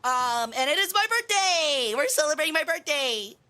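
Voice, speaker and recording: A woman livestreaming in a cute anime-streamer manner, chatting with viewers in a bubbly, animated way and exclaiming her greetings. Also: high-pitched, moderate pace. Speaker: VTuber streamer, host.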